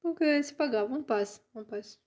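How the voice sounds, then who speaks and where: A woman's voice: sits high, lively intonation, normal speed, darkish tone. A woman teaching French in a casual lesson, switching to Arabic to explain. She is patient and encouraging, often checks that the listener follows, and sometimes whispers to model pronunciation.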